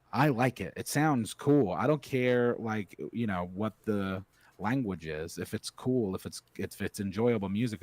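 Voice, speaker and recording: A man's voice: fairly low pitch, darkish tone, dry recording. A man co-hosting a podcast in casual chat, rambling with lots of "like" and "you know.". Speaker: podcast co-host.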